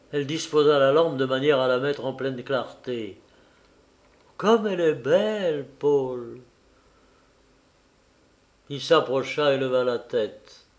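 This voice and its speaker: A man narrating a novel as an audiobook in a measured, even way. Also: mid-range voice.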